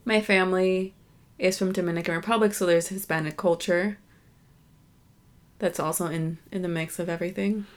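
A woman's voice: fairly low pitch, steady tone, normal speed, long pauses. An American woman co-hosting a podcast with her husband, speaking in a thoughtful, agreeable way with many fillers. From United States. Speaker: podcast co-host. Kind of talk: casual chat.

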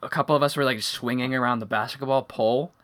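A young man chats on a casual podcast, telling stories in a rambling, laid-back way with constant fillers. His voice sits in a middle pitch, and the recording is dry and close. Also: fairly even intonation, quick pace, fairly bright tone, no echo. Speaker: podcast co-host. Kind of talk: casual chat.

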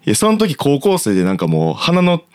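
A man's voice: on the high side, huge pitch swings, fairly quick, smooth, dry recording, clean studio sound. A young man with a Kansai accent, co-hosting a casual comedy podcast and telling a story with sound effects and acted-out quotes. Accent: Kansai Japanese. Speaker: podcast co-host.

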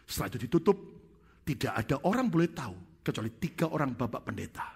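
A man puts on a frail, wealthy old man near death, speaking in slow, hushed and deliberate tones. His husky voice hangs in a long hall reverb. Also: mid-range voice, sing-song, heavily acted. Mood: solemn. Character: dying rich old man, solemn and secretive.

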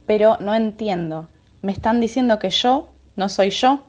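A woman's voice: medium pitch, a little slow, darkish tone, lightly acted. A woman acting a bewildered woman who insists on her own identity in a radio sketch, confused and growing indignant. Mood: puzzled.

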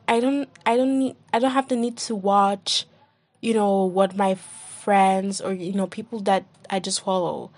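A young woman hosting a casual solo podcast, rambling with lots of "like" and restarts, and acting out what others say in a higher voice. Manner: rambling, heavy use of "like", acts out quoted friends in a higher voice. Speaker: podcast host.

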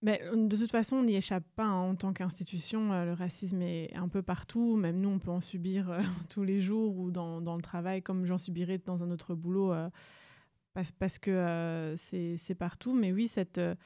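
A woman's voice: fairly low pitch, steady tone, moderate pace, mellow, dry recording, studio quality. A young adult woman from Rwanda, answering interview questions about her museum work with frequent fillers and restarts. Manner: hesitant, many fillers and restarts. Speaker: museum staff guest.

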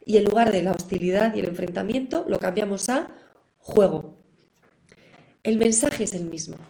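A woman's voice: medium pitch, moderate pace, creaky, poor audio. A middle-aged woman, teaching parents in a live online class in an encouraging manner. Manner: warm, encouraging, acts out examples. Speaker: parenting educator.

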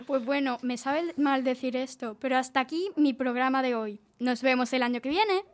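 High-voiced woman presenting a segment. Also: normal speed. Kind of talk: scripted segment on a group radio-style show.

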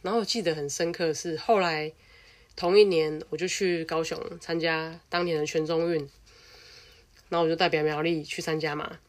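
A young adult woman with a Taiwanese Mandarin accent, telling a personal story in a blunt, animated, casual way and swearing freely. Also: deep voice, moderate pace.

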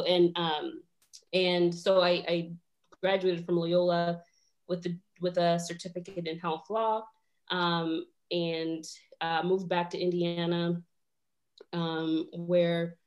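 Chatty young woman, slightly low voice. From Rwanda. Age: 20s. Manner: chatty, many fillers, laughs easily. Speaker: guest lawyer. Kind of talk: casual podcast chat.

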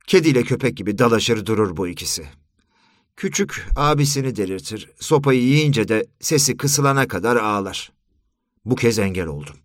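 A man's voice: lowish voice, no echo. A man narrating a first-person story in a weary, dry storytelling manner. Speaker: audiobook narrator.

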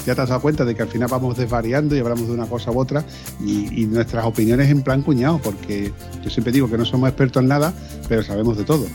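A man's voice: mid-range voice, fast, over music. A man hosting a podcast, signing off with rambling, friendly chatter. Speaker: podcast host. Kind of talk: casual podcast sign-off.

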